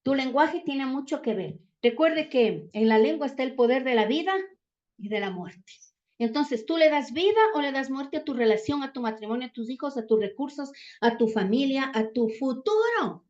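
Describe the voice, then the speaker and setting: A woman's voice: high-pitched, expressive, normal speed, darkish tone. A woman giving a Bible teaching talk, constantly checking in with the listeners through rhetorical questions. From Ecuador. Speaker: church teacher. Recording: dull lo-fi sound.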